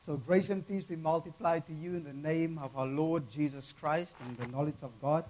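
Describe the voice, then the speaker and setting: A man with a Cape Flats South African accent preaching an earnest, deliberate sermon to a congregation. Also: a little high, slight background noise, rough recording. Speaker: guest preacher.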